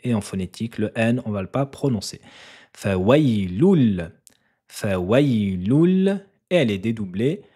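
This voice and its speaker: A man teaching a recitation lesson, who patiently repeats syllables and chants verses louder for learners to echo. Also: on the low side, a little fast, few pauses, slightly rough. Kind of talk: slow tajwid lesson with recitation.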